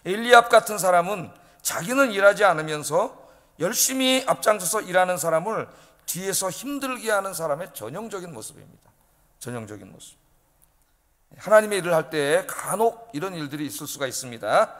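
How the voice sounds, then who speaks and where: A male pastor delivering a midweek sermon, emphatic and animated, often prodding the congregation with rhetorical questions. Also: sits high, a little fast, in a large hall. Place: church sanctuary.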